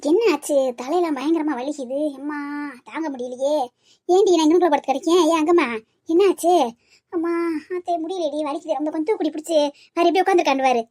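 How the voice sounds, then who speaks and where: A woman's voice: sits high, quick pace, mellow, close to an everyday voice. A woman doing a grumpy dazed old mother-in-law. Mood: groaning. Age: older. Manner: grumbling, sarcastic. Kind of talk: comic skit.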